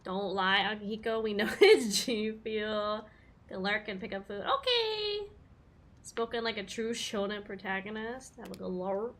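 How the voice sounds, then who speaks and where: A woman's voice: mid-range voice, flat delivery, normal speed, fairly bright tone. A woman giving casual livestream game commentary in a chatty, rambling, slangy way. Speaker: game streamer.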